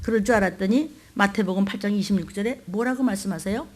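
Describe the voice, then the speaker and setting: A woman's voice: medium pitch, fast. An older woman pastor preaching a sermon. She acts out the voices of scripture and calls on the congregation to respond.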